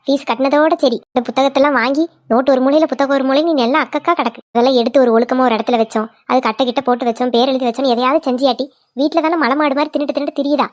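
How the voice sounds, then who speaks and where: A woman's voice: sits high, steady tone, racing, no room sound, lightly acted. A woman voicing a scolding older village mother-in-law, in a cartoon. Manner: nagging, scolding. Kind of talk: cartoon voice acting.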